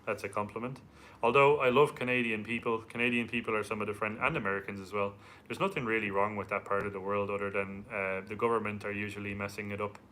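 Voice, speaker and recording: Irish man, around thirty, bright forceful voice, casual live-stream chat, reading comments aloud, faint background noise. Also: on the low side, fairly even intonation, quick pace. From Ireland. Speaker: travel vlogger co-hosting a live Q&A.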